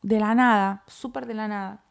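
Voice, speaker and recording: A Uruguayan woman co-hosts a casual chat and tells her testimony with lively energy, voicing her own thoughts as she goes. Her voice has a gravelly fry running through it at a middling pitch. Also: moderate pace. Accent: Uruguayan Spanish. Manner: animated, acts out her own inner dialogue. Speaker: co-host.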